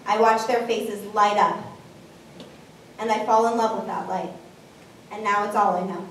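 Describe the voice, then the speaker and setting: A woman's voice: medium pitch, steady tone, normal speed, a bit bright. Reflective woman, echoey distant sound. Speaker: performer reading a personal piece. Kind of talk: reflective spoken narration. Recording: very echoey room, distant mic, faint noise.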